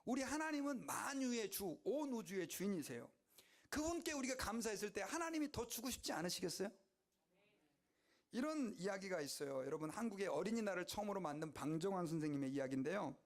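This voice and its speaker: A man's voice: high-pitched, brisk. A male pastor preaching a sermon, telling stories animatedly and calling out to his congregation. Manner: animated, exclamatory storytelling to the congregation.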